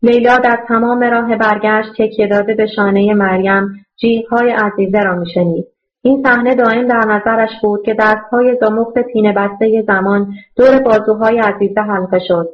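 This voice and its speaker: A woman's voice: medium pitch, fairly even intonation. Woman narrating an audiobook, dull audio. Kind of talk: scripted narration.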